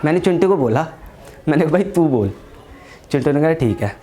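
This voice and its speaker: A man's voice: fairly high pitch, animated, fairly quick, dark tone. A young man doing stand-up comedy, telling a story in a crude, slangy way and acting out his friends' lines.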